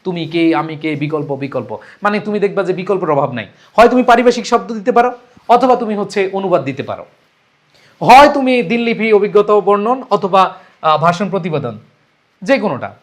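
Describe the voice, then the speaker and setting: A young male teacher giving an exam-prep lesson in a high voice. He talks emphatically, repeating key points over and over and dropping English words into his sentences. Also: very animated, brisk. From Bangladesh.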